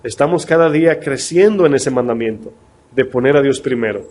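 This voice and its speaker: A male pastor preaches conversationally, posing rhetorical questions to his listeners and reading scripture slowly and deliberately. His voice is mid-range with a darkish tone.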